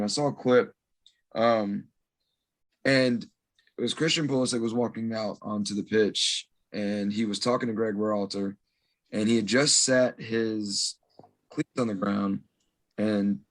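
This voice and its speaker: A man's voice: medium pitch, a bit bright. An American man, a guest on a podcast, telling stories in a rambling, casual way. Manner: rambling, many restarts and likes.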